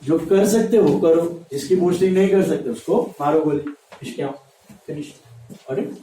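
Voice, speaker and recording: A man's voice: fairly high pitch, moderate pace, mellow, a little hiss or hum. A male teacher giving a classroom lecture, drilling steps by repeating them and quizzing his students. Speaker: commerce teacher. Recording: echoey classroom mic from far off.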